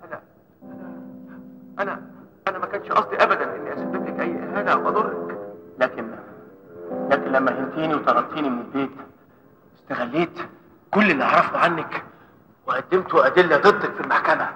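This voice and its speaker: An actor playing a deranged, tormented man in an Egyptian film melodrama, speaking Egyptian Arabic haltingly and obsessively repeating his words. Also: fairly high pitch, expressive, over music, close to an everyday voice. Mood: pleading confession. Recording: echoey hall with long reverb.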